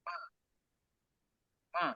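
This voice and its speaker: A man, a student repeating sounds back briefly during an online lesson, heard through a laptop microphone. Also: extremely slow. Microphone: laptop mic on a video call, no headphones. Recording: muffled lo-fi laptop audio from far off.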